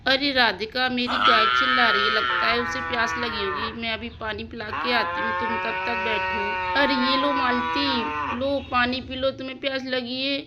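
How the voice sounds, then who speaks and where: A woman's voice: a little high, fairly even intonation, normal speed, vocal fry, hardly any pauses, very noisy. A woman voicing a caring village mother in a doll story, soothing and given to worried exclamations. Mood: busy. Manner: soothing, fussing, exclaims often.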